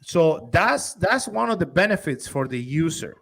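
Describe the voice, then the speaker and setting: A man's voice: a little high, very animated, normal speed, vocal fry, a bit bright, slightly rough. A man from Honduras, an investor and company executive, talking eagerly and persuasively in a casual interview, often restarting his sentences.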